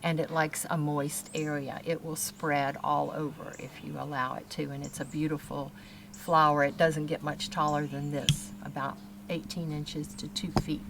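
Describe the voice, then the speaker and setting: A woman's voice: deep voice, level tone, moderate pace, creaky. A woman gives a casual, instructive walk-through of her garden, pointing out plants in plain words. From Kentucky, United States. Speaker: gardener giving a garden tour. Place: outdoors in a home garden. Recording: outdoor ambient noise behind voice. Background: faint outdoor ambience.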